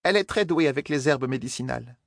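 A man's voice: medium pitch, lively intonation, fast talker, gravelly, no room sound, studio quality, voice pushed up. A man voicing a fussy, bustling middle-aged female innkeeper who scolds and clucks like a flustered mother hen, in an audiobook. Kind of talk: audiobook character voice.

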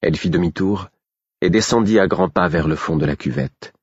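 A man reading a novel aloud in the first person, in a measured, steady manner. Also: low-pitched, breathy edge, no room sound. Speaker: audiobook narrator. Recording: dull lo-fi recording.

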